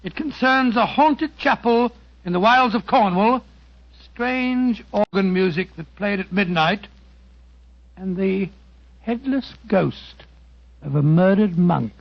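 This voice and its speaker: An actor playing a genial, elderly English doctor with a bumbling, repetitive manner in 1940s radio style. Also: male voice, high-pitched, expressive, slow, gravelly, heavily acted. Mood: storytelling relish. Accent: British. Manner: bumbling, repeats himself. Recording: dull 1940s radio recording.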